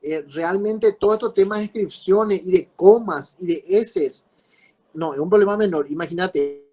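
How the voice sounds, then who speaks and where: A man's voice: high voice, normal speed, mellow, low-quality recording. Lecturing man repeating rhetorical questions. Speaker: law teacher. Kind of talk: class lecture.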